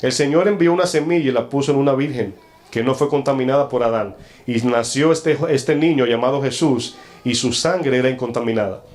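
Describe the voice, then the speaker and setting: Man, pastor, stern sermon, rhetorical questions, slow scripture reading, mid-pitched voice. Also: darkish tone.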